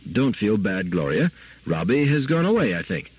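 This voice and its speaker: A man reading a story aloud, voicing a firm, brisk mother who speaks in a clipped, grim way. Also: lowish voice, big pitch swings, slightly rough, muffled recording. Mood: soothing. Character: stern, firm mother, middle-aged wife.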